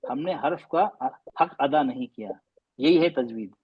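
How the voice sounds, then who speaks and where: A man's voice: medium pitch, normal speed, breathy edge, dull audio. A man teaching a class on pronouncing Arabic letters, patiently repeating and quizzing his students.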